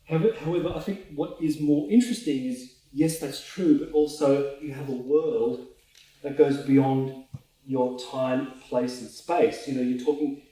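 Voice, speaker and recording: A man leading a drama workshop, calmly giving movement instructions with pauses, recorded from a distance in an echoey room. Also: medium pitch. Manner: calm, guiding instructions with pauses.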